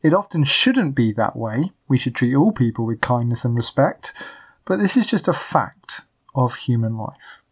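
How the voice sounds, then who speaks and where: A pastor delivers a weekly sermon to an island congregation, pacing it like a told story. The voice sits mid-range, steady and deliberate, and slows on the key points. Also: mid-range voice, breathy edge. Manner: measured storytelling with acted quotes.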